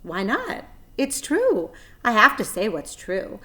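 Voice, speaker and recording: A woman reader voices a clever lady spider from a storybook, her voice thin, pleasant and raised in pitch. The spider speaks genteelly and articulately, kind yet matter-of-fact, in an exaggerated, bright, forceful tone that swoops wildly in pitch at a slow pace.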